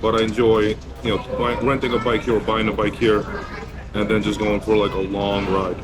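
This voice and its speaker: A man's voice: fairly low pitch, level tone, brisk, music in the background. A man from Poland answering street-interview questions, giving blunt and candid opinions about travel and dating. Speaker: interviewee, business owner.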